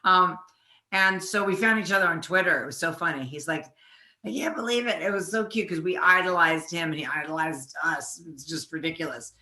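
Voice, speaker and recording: Very bright-voiced chatty woman storyteller. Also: deep voice, a little fast. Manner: lively anecdotal storyteller, laughs while talking. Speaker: guest. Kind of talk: casual interview chat. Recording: roomy echo.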